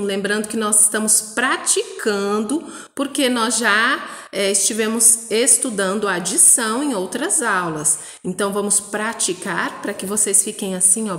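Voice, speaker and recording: A woman's voice: medium pitch, fairly bright tone. A woman from Brazil teaching a math lesson to young children, speaking patiently and sounding out words for them. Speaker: primary school teacher. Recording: echoey room with long reverb.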